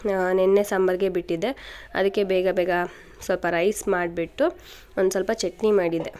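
A woman's voice: on the low side, little pitch movement, normal speed, a little mellow, clear, resonant tone. A woman in her thirties, a vlogger chatting casually to viewers while her voice is changed by a cold. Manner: chatty, talks to viewers directly. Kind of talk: casual home vlog narration.

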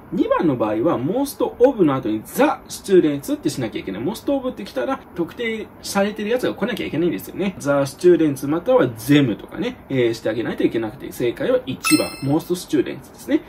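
Lively, high-pitched male tutor. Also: slight background noise. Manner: casual, joking asides, reads English examples slowly. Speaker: exam prep English tutor. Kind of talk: explaining grammar answers to students.

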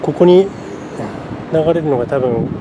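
In a muffled recording, a travel vlogger with a fairly high voice speaks a little slowly while touring a city and eating. His casual narration is thinking aloud, packed with fillers. He's outside on city streets and in a cafe, with street noise behind him captured by the camera mic.

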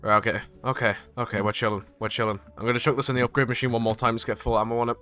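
A young man giving chatty live gameplay commentary, excitable and bursting into panicked yells. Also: mid-range voice, very fast, smooth, faint music behind. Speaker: gaming YouTuber.

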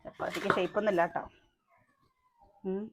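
A woman's voice: medium pitch, fairly even intonation, brisk. A woman with a Malayali accent chatting to the camera in her home kitchen, cooking breakfast and calling out to her children. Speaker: family vlogger, mother. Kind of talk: casual home vlog narration.

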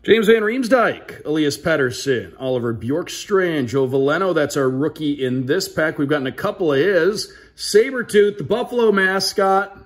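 This man's voice sits on the high side, animated and at normal speed with hardly any pauses. A radio sports play-by-play announcer by trade, he runs cheerful, relaxed unboxing commentary and reads names to his audience broadcaster-style.

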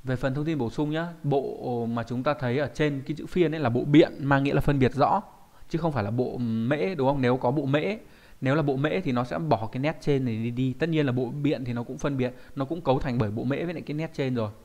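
A man's voice: medium pitch, fast talker, a little mellow. Man teaching kanji. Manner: explanatory, with frequent checking questions to students. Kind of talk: online lesson.

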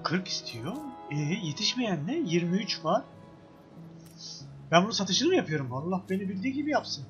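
A man's voice: sits high, sing-song, normal speed, a bit bright, muffled recording, soft background music. A man giving casual, joking let's-play commentary, exclaiming and talking back to the game. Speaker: gameplay streamer.

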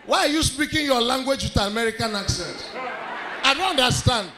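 A man with a Nigerian accent doing stand-up comedy, loud and commanding as he works the crowd. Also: very high voice, animated, brisk. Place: comedy club stage with live audience. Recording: live crowd, faint background noise.

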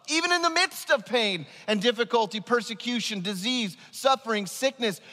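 The voice is a man's, high-pitched with a sharp tone: a pastor in his thirties preaching an emphatic sermon on a headset mic from a large church stage. The recording carries the long reverb of a large hall.

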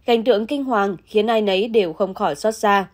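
A woman reads a scripted news report in an even, measured voice. Her pitch stays mid-range and her delivery is plain and steady. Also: heavy background noise. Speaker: news narrator.

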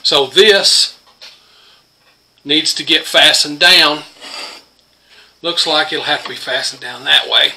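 An older homesteader shows his workshop tools at home, speaking a little high and slowly with vocal fry, frequent pauses, and a pushed, bright quality. As host, he rambles plainly with many fillers in this casual demonstration, captured on a phone camera close to the workbench.

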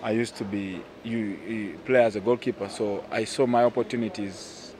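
In a casual interview by a pool outdoors, a Ugandan goalkeeper and national team captain in his thirties replies hesitantly, leaning on fillers. His voice is on the low side with fairly even intonation at normal speed, captured on a handheld mic with a crowd and outdoor ambience in the background.

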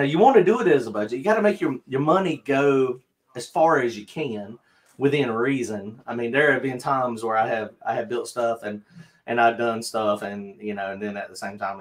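Speaking at a moderate pace in a mid-range voice, this middle-aged North Carolina man talks with a Southern accent while hosting a casual livestream. He's indoors in his home craft studio, rambling and poking fun at himself, with plenty of fillers and false starts.

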